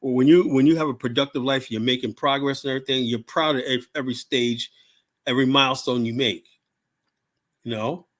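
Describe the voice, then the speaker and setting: A man's voice: medium pitch, fairly even intonation, brisk, fairly bright tone. Rambling, profane older man streaming. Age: 70s. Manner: rambling, blunt, profane, frequent "you know?". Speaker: livestream host. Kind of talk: casual live-stream monologue.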